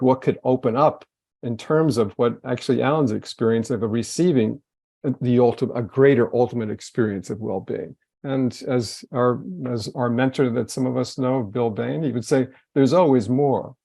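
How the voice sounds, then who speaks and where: A man with a gravelly, mellow voice gently guides a group through reflection questions. His phrasing is loose, and he often stops and restarts a thought. The sound is close and dry, with no room around it. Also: medium pitch, no room sound. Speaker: wellness course leader. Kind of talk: guiding a group reflection session.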